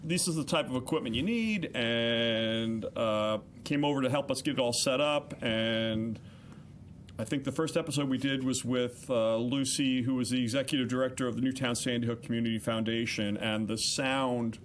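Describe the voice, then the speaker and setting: A man's voice: mid-range voice, normal speed, a little hiss or hum. Middle-aged male podcaster, guest in a casual interview, loose rambling storyteller. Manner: rambling storyteller with fillers and restarts.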